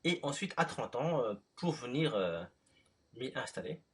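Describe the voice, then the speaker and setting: A man from France in his thirties, interviewing a guest in relaxed chat with lots of fillers. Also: mid-range voice, unhurried, breathy edge. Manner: relaxed, many fillers and short backchannels.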